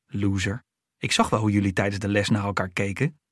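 A sneering schoolboy bully with braces, read by a man speaks in a mocking, taunting tone. The voice sits fairly low and sounds close and dry. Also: steady tone, a little fast, dry recording, natural voice.

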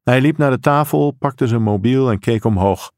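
Gravelly male audiobook narrator. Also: mid-range voice, moderate pace, a little mellow, no echo, studio quality. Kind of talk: scripted narration.

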